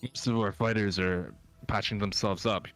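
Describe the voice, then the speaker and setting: A man's voice: fairly low pitch, steady tone, normal speed, a bit bright, faint music behind. A man reading as a grateful gorilla agent.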